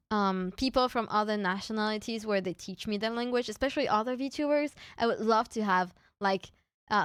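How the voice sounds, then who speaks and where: This young woman from France is a VTuber streamer chatting loosely with her live audience. She often stammers and restarts her words with little giggles. Her fairly high voice is clear and resonant, captured dry in studio quality.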